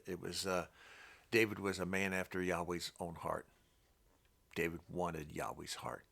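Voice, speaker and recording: A Bible teacher with a deep, low voice that has a gravelly, creaky edge and a sharp tone reads through a passage, pausing to comment along the way. His delivery is halting and rambling, with frequent restarts and repeated words.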